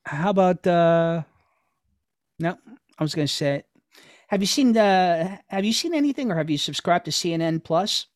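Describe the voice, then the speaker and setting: A man's voice: sits high, lively intonation, normal speed, no echo, studio quality. A man from New York co-hosting a podcast, chatting casually, agreeable and asking questions. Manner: agreeable, asks questions, many fillers. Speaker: podcast co-host. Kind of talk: casual chat.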